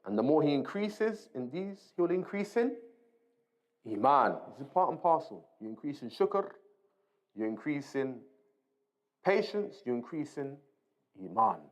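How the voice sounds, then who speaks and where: A man with a slightly high, sing-song voice gives an informal Islamic lesson at a measured pace with long pauses, and the recording is low quality. Reading from a book as a religious teacher, he explains it point by point conversationally, repeating key phrases and checking in with short tag questions.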